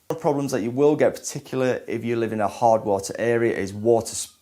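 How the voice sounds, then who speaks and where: A man's voice: mid-range voice, racing, dark tone. A man in his thirties presenting a scripted tutorial to camera, flubbing and restarting his lines as in outtakes. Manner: flubs and restarts lines, repeating takes. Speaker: presenter of car detailing tutorials.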